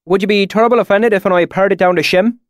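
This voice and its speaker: A man's voice: high voice, fairly even intonation, quick pace, dry recording, clean studio sound, pitched above the performer's own voice, natural voice. A man voicing a clever young man who puts on a folksy country dialect to win over a stranger. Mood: sly folksy. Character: young man slyly faking a rustic dialect.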